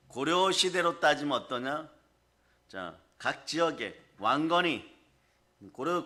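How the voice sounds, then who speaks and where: A male pastor preaching a sermon to his congregation in a church, often firing questions at them and telling animated stories. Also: fairly high pitch. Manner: keeps asking the congregation questions.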